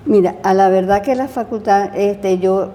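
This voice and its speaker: An older woman with a Venezuelan accent, a retired chemistry professor recalling her years of teaching in an interview, pausing often with fillers and restarts. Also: medium pitch, warm tone, slight background noise. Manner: hesitant, many fillers and restarts. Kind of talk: interview, casual recollection.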